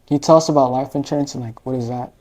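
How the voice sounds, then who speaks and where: A man's voice: medium pitch, fairly even intonation, rapid-fire, warm tone, rough recording. A male host asking casual, curious questions in an easygoing chat, with lots of "like" filler. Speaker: interview host.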